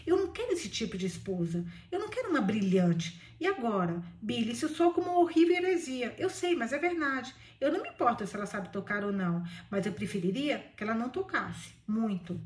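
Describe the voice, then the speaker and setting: A woman's voice: a little high, very animated, brisk, few pauses, reverberant. A woman with a Brazilian accent reading the lines of a brooding young male musician in an earnest, plaintive way. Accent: Brazilian Portuguese.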